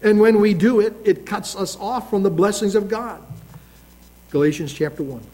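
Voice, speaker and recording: A man preaching a sermon as pastor, moving from slow, emphatic scripture readings to conversational asides with restarts. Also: high voice, warm tone, rough recording.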